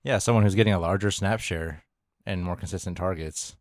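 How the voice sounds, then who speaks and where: Male co-host, very deep, easygoing joker, dry mic. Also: a little fast, dry recording. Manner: easygoing, joking, hedges with fillers. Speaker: podcast co-host. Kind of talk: casual fantasy football chat.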